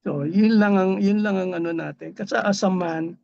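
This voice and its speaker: A man's voice: high-pitched, moderate pace, vocal fry, a little mellow, dry recording, lo-fi sound. A man sharing thoughts in a casual Bible study discussion, switching between Tagalog and English and restarting his phrases. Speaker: Bible study group member.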